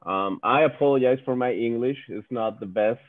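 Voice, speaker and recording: A Venezuelan man, a native Spanish speaker, talks in accented English as a guest speaker and company executive on an informal video call. His voice is mid-range at a moderate pace, and he is earnest, often repeating words while searching for them. The audio is dry and phone-like, with no echo.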